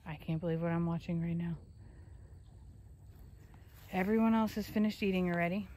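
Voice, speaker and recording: Out in an open pasture, a woman films on her phone and chats to her farm animals off camera, fondly scolding them in a casual way. Her voice is fairly low and dark, with a steady tone and a normal pace.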